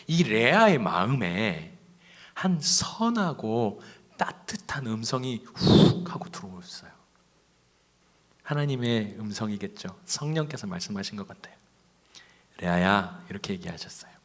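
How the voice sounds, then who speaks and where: A middle-aged man, a pastor, preaching a sermon in a church, moving between loud emphasis and soft whispers. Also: mid-range voice, big pitch swings, moderate pace. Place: church sanctuary.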